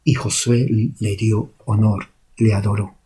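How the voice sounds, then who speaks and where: A man's voice: lowish voice, little pitch movement, a little slow, dark tone, husky. A man preaching a sermon, emphatic, pushing his voice up to stress key words.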